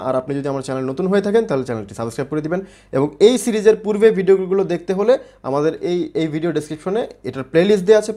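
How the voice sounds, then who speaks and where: A man gives a spelling lesson in a quick, slightly raised voice. He builds each point in small steps and spells words out letter by letter. He keeps checking that his viewers follow along. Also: on the high side, dark tone. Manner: explains step by step with many checks like "okay?". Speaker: English teacher.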